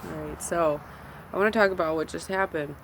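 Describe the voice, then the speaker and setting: A woman's voice: low voice, normal speed, gravelly, noisy background. A woman telling a story in a casual video journal while smoking in her parked van, rambling with lots of fillers. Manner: rambling, filler-heavy retelling with many "like"s. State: smoking a cigarette while talking. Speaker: vlogger. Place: sitting in a parked van at a gas station.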